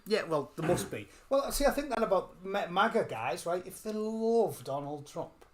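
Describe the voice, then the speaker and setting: Chatty swearing man, higher pitched. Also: sing-song, moderate pace. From England. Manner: chatty, swearing, self-described gobshite. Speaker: guest. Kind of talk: casual interview chat.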